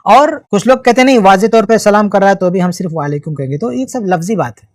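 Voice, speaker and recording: A male preacher with a notably high voice answers a question in a religious lecture. The sound is dry and close. He tells the story in an animated way, shifting his voice for the quotes. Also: no room sound. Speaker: Islamic preacher.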